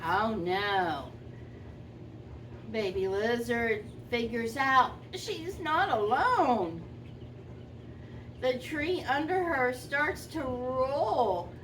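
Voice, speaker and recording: A woman voicing a sweet, gentle old granny who tells a children's story expressively, lingering on and repeating words. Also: high voice, exaggerated voice. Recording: distant microphone, faint background noise.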